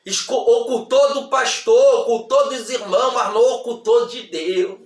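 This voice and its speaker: A man preaching a fiery sermon, shouting and repeating phrases for emphasis in a church hall. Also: very high-pitched, moderate pace. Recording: echoey hall, far from mic.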